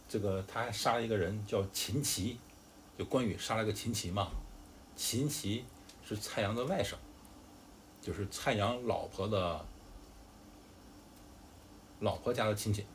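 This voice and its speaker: A man's voice: fairly low pitch, slight background noise. A father casually retelling a classic tale to his child, chatty and explaining, with fillers and asides. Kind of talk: casual storytelling.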